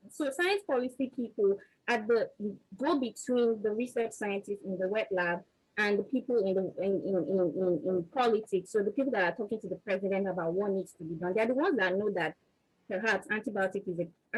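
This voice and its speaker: On a low-quality recording, a vaccine research scientist in her thirties with a Nigerian accent gives a motivational answer as a video-call panelist. Her medium-pitched voice has a darkish tone and a breathy edge. She speaks with earnest emphasis, building every point through repeated words.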